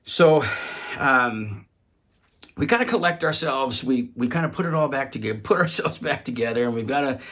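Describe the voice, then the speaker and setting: A man telling a personal story, halting often to repeat and restart his words. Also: medium pitch, lively intonation, fairly bright tone.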